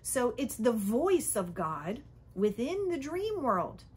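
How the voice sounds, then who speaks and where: A woman giving a casual spiritual teaching talk, conversational, often checking in with "okay?" and "right?" and sometimes dropping to a soft whisper. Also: fairly high pitch, very animated, takes it slowly, slightly rough. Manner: drops to a soft whisper at times.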